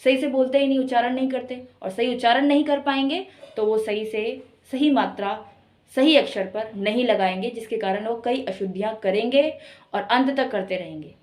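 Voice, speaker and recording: A woman gives an online Hindi lesson in a voice set a little above the usual. She explains each point step by step and draws out example words slowly to show stress and tone. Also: on the high side, darkish tone. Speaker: Hindi teacher. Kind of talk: online class lecture.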